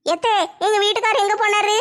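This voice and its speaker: A woman acting a complaining young wife in a comic home skit, chattering in an animated way. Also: very high-pitched, quick pace. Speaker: comedy skit creator.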